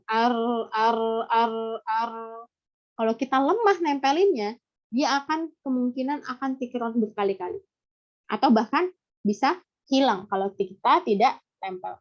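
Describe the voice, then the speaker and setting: An Indonesian woman teaching a recitation lesson in a halting, explanatory way, with a slight impediment on her rolled r. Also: a little high. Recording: dull, lo-fi audio.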